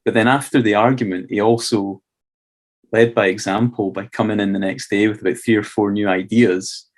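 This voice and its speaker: A Scottish man with a fairly low voice talks casually as a podcast co-host. He is easygoing and hedges his points with "sort of" and "kind of". He keeps a relaxed, conversational pace. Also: moderate pace. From Scotland. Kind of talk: casual chat.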